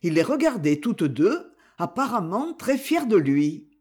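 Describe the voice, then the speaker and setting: A woman narrating a novel in a measured, expressive reading. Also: mid-range voice, slightly rough. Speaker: audiobook narrator. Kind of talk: scripted narration.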